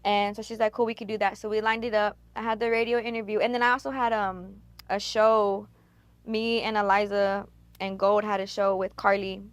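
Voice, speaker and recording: A woman's voice: medium pitch, flat delivery, brisk, no echo. Young texas woman rapper just chilling and talking, slangy, cusses a lot, easygoing storyteller. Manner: laid-back, slangy, profane storytelling. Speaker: rapper and guest. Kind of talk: casual interview chat.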